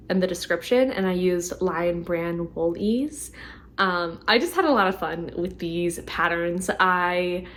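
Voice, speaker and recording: Chatty woman knitting vlogger, low voice. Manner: chatty, lots of ums and likes. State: losing her voice. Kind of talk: casual chat to camera.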